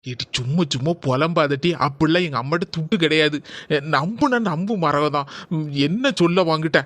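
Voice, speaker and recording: A man's voice: a little high, moderate pace, a bit bright, no echo, natural voice. A man with a Kanyakumari Tamil accent voicing an easily led young husband in a cartoon, in a pleading, coaxing manner.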